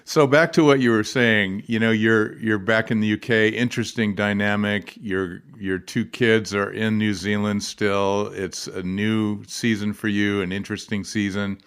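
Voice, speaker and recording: A man's voice: on the low side, steady tone, a little slow, hardly any pauses, fairly bright tone, clean tone. Man hosting a pastors' podcast. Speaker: podcast host. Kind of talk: podcast interview.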